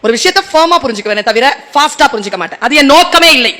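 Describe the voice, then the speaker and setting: A man with a strikingly high voice delivers a motivational speech to a room of students. His tone is bright and forceful, and he keeps turning to the audience with pointed rhetorical questions, slipping into quick acted dialogues to make his point. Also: expressive. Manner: rhetorical, quizzes the audience directly; acts out short dialogues in between. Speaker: motivational speaker addressing students.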